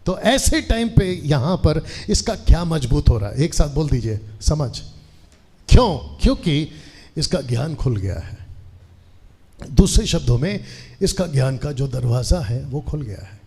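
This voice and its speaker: Husky, mellow-voiced man preaching a sermon. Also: on the high side, very animated, unhurried. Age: 40s. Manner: asks the congregation to answer aloud, peppers Hindi with English phrases. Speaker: pastor. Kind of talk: sermon to a live congregation. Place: church hall with a seated congregation.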